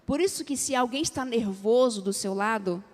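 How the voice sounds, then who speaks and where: A woman's voice: on the high side, moderate pace. A woman with a Brazilian Portuguese accent preaching a sermon, drawing the congregation into call-and-response and acting out everyday dialogue. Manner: lively, acts out everyday dialogue. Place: church sanctuary. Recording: long church hall reverb.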